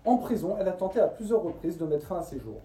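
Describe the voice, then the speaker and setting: A man's voice: sits high, animated, quick pace, warm tone. A man narrating a scripted true-crime story as a storyteller and host. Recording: roomy echo, distant from the mic.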